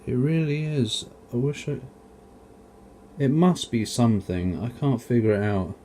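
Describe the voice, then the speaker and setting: A man's voice: medium pitch, unhurried, mellow, a little hiss or hum. A man giving casual, rambling commentary as a video host, grumbling and poking fun at himself with mild swearing. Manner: self-mocking, grumbling, mildly sweary.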